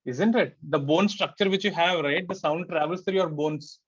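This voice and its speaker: A man delivers a class lecture in a fairly high voice. He keeps it conversational, tossing rhetorical questions at his students. The recording sounds dull and lo-fi. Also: moderate pace, husky. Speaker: teacher.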